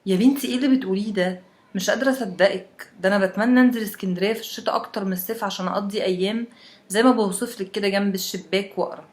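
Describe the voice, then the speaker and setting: A woman's voice: steady tone, racing, natural voice. A woman voicing a curious, teasing young woman who keeps asking her friend questions. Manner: eager questioning, raised pitch.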